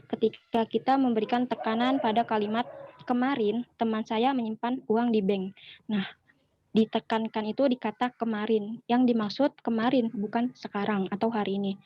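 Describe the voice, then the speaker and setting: A woman presents a linguistics lesson, pausing on fillers as she works through examples. Her voice sits fairly high, and the recording is dry and slightly muffled. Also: dry recording. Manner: explanatory, with frequent fillers. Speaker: student presenter.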